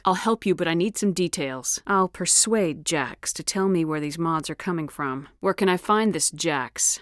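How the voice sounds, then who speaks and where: A woman's voice: lowish voice, dry recording, studio quality, lightly acted. A woman playing a firm, blunt military commander in a video game, with clipped, authoritative delivery. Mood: firm, persuasive. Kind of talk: video game dialogue acting.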